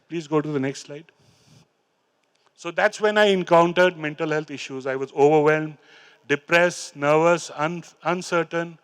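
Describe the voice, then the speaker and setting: On a large hall stage, a middle-aged man whose first language is Hindi or Urdu holds a handheld mic and shares his recovery story, reciting poems along the way. His Indian English is earnest and halting, with fillers and restarts, and his voice is a little high, fairly bright, and clean.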